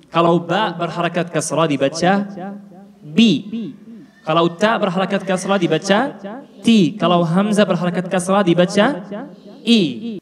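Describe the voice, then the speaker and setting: High-voiced man teaching recitation. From Palestine. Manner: deliberate, repeats sounds to model pronunciation, quizzes listeners. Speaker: Quran teacher. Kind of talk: Quran recitation lesson. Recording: long hall reverb with audible crowd.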